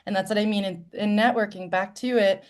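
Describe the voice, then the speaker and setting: A woman guest talking earnestly and reflectively in a candid live-stream conversation, her loudness rising and falling. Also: mid-range voice, steady tone, a little fast.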